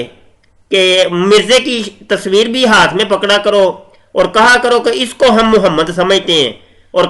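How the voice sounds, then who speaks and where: Scornful, bright-voiced man. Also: high-pitched. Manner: combative, mocking, interrupts. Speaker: channel host. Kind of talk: scornful commentary on a played clip.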